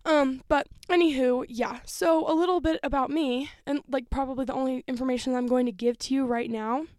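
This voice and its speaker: A young woman of nineteen chats on her own podcast, rambling freely and padding her talk with fillers. Her voice sits a touch high. The recording is dry, with no room echo. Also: fairly even intonation, fairly quick, a little mellow. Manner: rambling, filler-heavy, chatty. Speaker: podcast host. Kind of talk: casual solo podcast chat.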